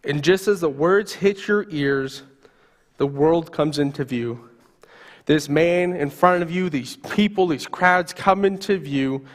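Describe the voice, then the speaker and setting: Higher-voiced man preaching in a hall. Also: takes it slowly. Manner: vivid second-person storytelling. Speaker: pastor. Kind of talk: sermon.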